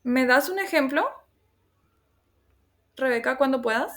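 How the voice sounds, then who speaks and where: A woman's voice: high voice, expressive, measured pace, fairly bright tone. A woman teacher giving a class lecture, explaining patiently, often checking in with her students and reassuring them with a laugh. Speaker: language teacher.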